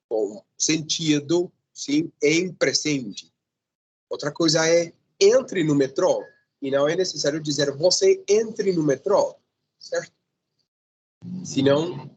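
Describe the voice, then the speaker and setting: Slow husky man teaching a class. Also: on the high side. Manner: slow, deliberate, checks in with "sim?" often. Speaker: Portuguese teacher. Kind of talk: classroom lecture.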